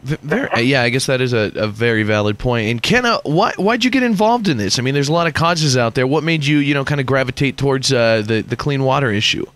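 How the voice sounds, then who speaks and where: A man of middle pitch hosts a radio interview, casual and a little stumbling. His voice climbs sharply whenever he poses a question. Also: animated, quick pace, hardly any pauses, a bit bright. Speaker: radio show host.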